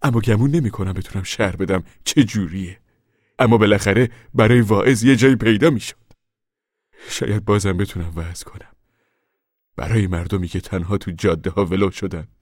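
An actor playing a reflective male former preacher in a radio drama, speaking quietly and thoughtfully. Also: fairly low pitch, dry recording, studio quality, lightly acted. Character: soft-spoken male wandering former preacher.

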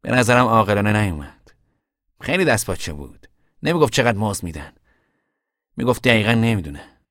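A skeptical, practical grown son of a poor family, voiced by a male reader. His low voice lifts as he reasons things out. The recording is dry and close. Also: big pitch swings, fairly bright tone, no room sound. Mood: doubtful.

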